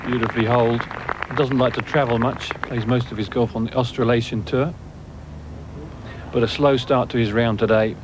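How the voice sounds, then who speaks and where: A man's voice: medium pitch, steady tone, moderate pace. A man giving analytical live commentary as a golf commentator. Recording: noisy outdoor broadcast ambience. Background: outdoor course ambience.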